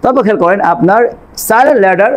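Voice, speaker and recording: A man's voice: sits high, lively intonation, fast talker, highs cut off. A man teaching an English lesson on pronunciation in a patient, repetitive way, asking questions and answering them himself.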